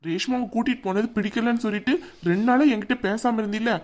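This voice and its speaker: A man's voice: high-pitched, steady tone, quick pace, natural voice. A man voicing a young husband in a cartoon, pleading with his mother and stern with his wife. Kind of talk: cartoon dubbing.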